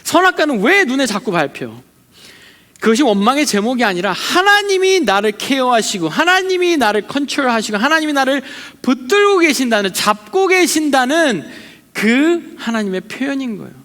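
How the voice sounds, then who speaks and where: A man's voice: very high-pitched, very animated, moderate pace, a bit bright. A young adult man, a junior pastor, giving a sermon at a young adults service. He talks conversationally, tells personal stories, and acts out quoted complaints and prayers. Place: church hall. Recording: long hall reverb.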